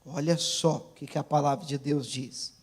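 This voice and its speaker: A man from Brazil, a pastor preaching a sermon, who swings between soft asides and loud emphatic lines and acts out the church members he quotes. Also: fairly high pitch, fairly even intonation, moderate pace.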